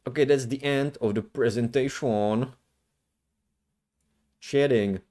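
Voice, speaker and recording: A man with a middle-range voice hosts a casual livestream. He rambles in loose, slangy speech, often halting and circling back before he finishes a thought. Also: medium pitch, dark tone. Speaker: streamer, VTuber host.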